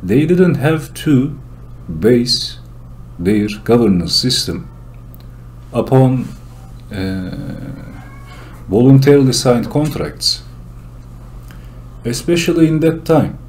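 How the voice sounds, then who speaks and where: A man from Turkey with a Turkish accent gives a solo commentary monologue in English, explaining his points earnestly and deliberately. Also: medium pitch, expressive, a little mellow, slight background noise. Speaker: channel host.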